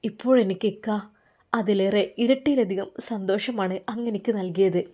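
A woman's voice: mid-range voice, normal speed, mellow, natural voice. A woman voicing a loving young wife who speaks with emotional, pleading tenderness. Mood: tearful joy.

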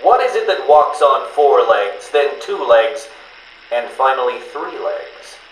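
A smug riddle-obsessed villain, mocking and theatrical, voice swooping up and down, on a roomy old cassette tape. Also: male voice, medium pitch, sing-song, takes it slowly. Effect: played back from a cassette interview tape. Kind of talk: video game voice acting. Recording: roomy, faintly hissy tape recording.

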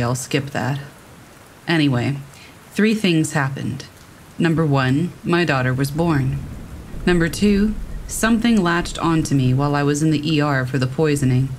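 Horror story narrator, steady first-person reading, mid-pitched voice, faint rain in the background. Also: a little hiss or hum, rough recording.

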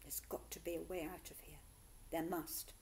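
A woman's voice: low-pitched, little pitch movement, normal speed, darkish tone, slight background noise. A woman voicing a determined young girl who talks stubbornly and defiantly.

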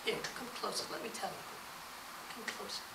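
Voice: medium pitch, moderate pace, recorded from a distance, heavy background noise, natural voice. A performer voicing a sneering, mocking schoolboy bully at a wizard school, heard with a roomy echo from off the mic. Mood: sly. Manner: mocking, taunting.

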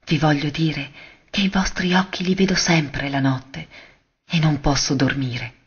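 A man voicing a trembling young ship's boy who whispers his love in a hushed, husky voice, on a dull lo-fi recording. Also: fairly high pitch, steady tone, a little slow. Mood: breathless longing.

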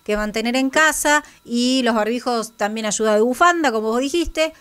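An Argentine woman hosts a radio programme in a casual, conversational way. Her voice sits fairly high, picked up close on a studio mic. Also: moderate pace, a bit bright, clean tone. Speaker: radio host.

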